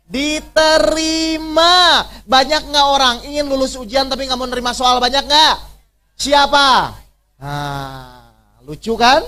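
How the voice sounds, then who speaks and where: High, bright-voiced preacher quizzing his audience. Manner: quizzes the audience with constant questions; conversational, teasing, plain everyday examples. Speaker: Islamic preacher leading a workshop. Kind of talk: interactive religious workshop talk.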